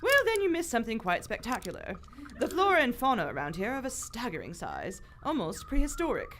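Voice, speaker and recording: An actress playing a bold, unflappable lady adventurer with a brisk, formal, confident manner in a live radio adventure. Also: a little high, huge pitch swings, a bit bright, soft background music, exaggerated voice. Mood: observant, assured. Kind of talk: old-time radio adventure acting, live theater.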